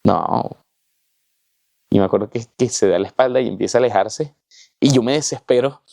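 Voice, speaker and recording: A man tells his personal faith testimony with emotion, vividly acting out the voices and dialogue in his story. His mid-range voice is fast, gravelly, and mellow, recorded in a clean studio with no room sound.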